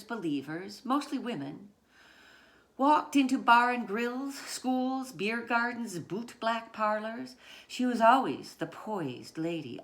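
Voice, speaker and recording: Pausing between short, careful phrases, an author reads her picture book for children and hits the important words with dramatic weight. Her pitch is medium.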